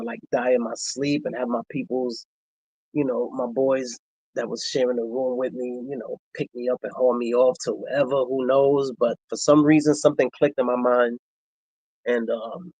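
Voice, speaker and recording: A man, telling a personal story in a reflective, halting way, with many pauses and fillers. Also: mid-range voice, a little mellow, husky, no room sound, low-quality recording. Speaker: vlogger.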